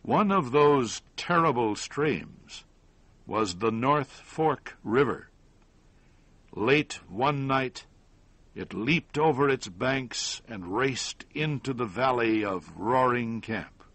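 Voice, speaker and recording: A man narrates a scripted, audiobook-style story, taking his time over each phrase with measured, deliberate phrasing and short pauses. His fairly bright voice has lively intonation, his pitch moving expressively across the lines. The recording is dry and close, with very little room sound.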